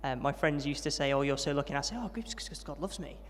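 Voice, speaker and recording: A young trainee vicar from Yorkshire, England, tells the story of his upbringing in a testimony interview at a student event. He talks quickly in a slightly raised, expressive voice, friendly and self-deprecating, with plenty of ums. A large hall gives his voice a long reverb.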